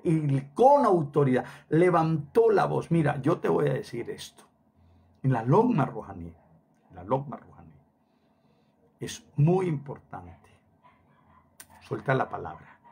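A man's voice: on the high side, big pitch swings, measured pace, vocal fry, darkish tone, breathy edge. A middle-aged man preaching a sermon emphatically, repeating phrases for stress and dropping Hebrew words into his talk.

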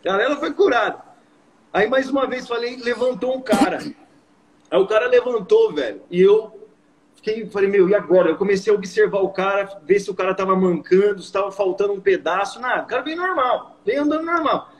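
A young man in his twenties with a Brazilian accent, telling a story as a guest in a casual, slangy, animated way. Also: sits high, a little fast, rough recording. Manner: slangy, animated, peppered with "mano" and "velho". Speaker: guest preacher.

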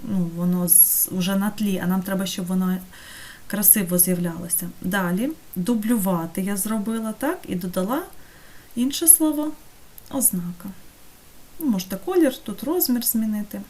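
A woman teaching an online course, talking through a screen-recorded software tutorial step by step and checking in with her students. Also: medium pitch, moderate pace. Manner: patient, step-by-step, checks in with "так?".

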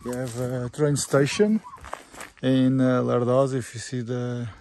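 Outdoors on a rural farm, a Portuguese-accented estate agent gives an informal property walkthrough in halting, simple English built from short phrases. His voice is mid-range and a little mellow. He holds the phone or camera himself, and the outdoor handheld recording carries faint background noise.

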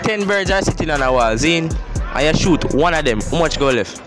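A man's voice: fairly high pitch, expressive, brisk, over music, crowd noise. A teenage boy with a Jamaican accent asking playful trick questions outdoors at a school. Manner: playful, laughs at answers, patois catchphrases. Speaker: interviewer. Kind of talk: street interview.

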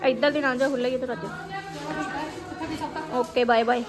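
A woman's voice: fairly high pitch, steady tone, normal speed, a crowd in the background. A woman, chatting casually with family as she narrates a home vlog. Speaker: family vlogger.

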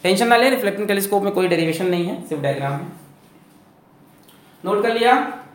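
A man teaching a physics lecture, lively and full of rhetorical questions, mixing English terms into his explanation. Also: high voice, fast. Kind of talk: classroom lecture. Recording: echoey classroom from far off.

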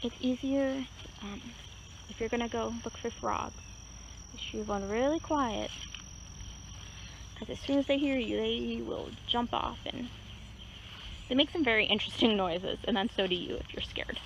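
A woman's voice: on the high side, normal speed, pauses often, dull audio. A woman acting as a nature guide, giving a casual, chatty explanation with many fillers, outdoors beside a pond. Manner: relaxed, chatty, many fillers and hedging words. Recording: outdoor recording with clear insect and cricket noise. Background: crickets and insects in a rural setting.

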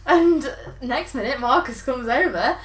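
A woman's voice: high voice, expressive, a little slow, distant mic. A young woman, a guest in a casual chat who laughs often as she tells a story. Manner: giggly, laughs often while telling a story. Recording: echoey room with faint background noise.

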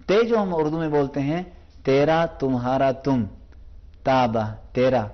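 A medium-pitched man patiently walks viewers through Quran recitation on a TV lesson, explaining pronunciation and repeating every sound slowly as an example. The audio's high frequencies are cut off.

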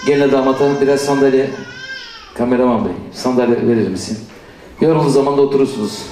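A man's voice: medium pitch, steady tone, quick pace, dark tone, a little hiss or hum. A man hosting a wedding, giving informal instructions to guests over a PA in a hall. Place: large indoor wedding hall. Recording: echoey hall PA, distant mic.

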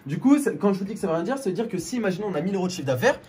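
A man's voice: high-pitched, big pitch swings, racing, a little mellow, breathy edge. A man from France, a YouTuber co-host, casually explaining things to his viewers with many restarts and fillers.

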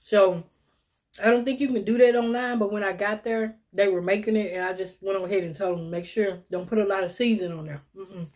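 A woman's voice: mid-range voice, steady tone, a little fast, a little mellow. Lady in her 50s doing a mukbang, chatty, talks to viewers like family while she eats. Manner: chatty, addresses viewers as y'all and little sis, eats between phrases. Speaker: mukbang vlogger. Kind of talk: casual eating vlog chat.

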